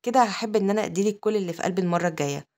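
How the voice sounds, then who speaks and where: A woman's voice: medium pitch, rapid-fire, a little mellow, close to an everyday voice. A woman with an Egyptian accent voicing a teasing, possessive young nobleman in a recap story. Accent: Egyptian Arabic.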